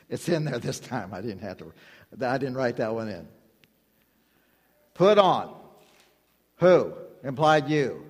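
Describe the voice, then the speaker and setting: A man's voice: mid-range voice, sing-song, slow, long pauses, slightly rough. A man preaching a sermon emphatically, repeating phrases and drawing the congregation into call-and-response. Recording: long hall reverb.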